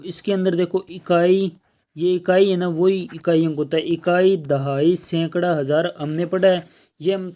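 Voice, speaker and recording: A man's voice: on the high side, mellow. A man teaching an exam-prep math lesson, explaining step by step and checking in often.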